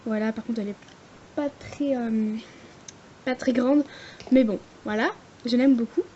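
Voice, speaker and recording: A woman's voice: on the high side, unhurried, dark tone, highs cut off, slight background noise. A young woman casually reviewing her favorite nail products, chatty and hesitant, with lots of fillers. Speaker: nail art vlogger.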